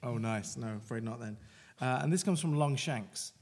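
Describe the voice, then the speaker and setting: A man's voice: mid-range voice, moderate pace, darkish tone, in a large hall, faint music behind. A man co-hosting a podcast, reading listener hate mail aloud with gusto, swearing and laughing often. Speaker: podcast co-host.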